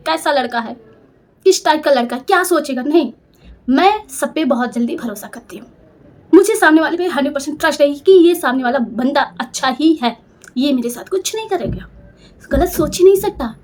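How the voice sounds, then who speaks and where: A woman's voice: high-pitched, darkish tone. A young woman telling a personal story in an emotional, confessional, self-reproaching way. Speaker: storyteller vlogger.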